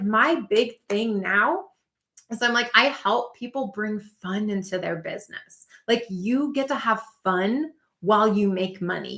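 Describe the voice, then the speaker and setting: A woman in her thirties coaches her listeners in a loose, animated monologue, full of "like" and "you know what I mean". Her voice sits a little high and rings bright and sharp. The room around her is noticeably echoey. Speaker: business coach. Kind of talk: casual teaching monologue.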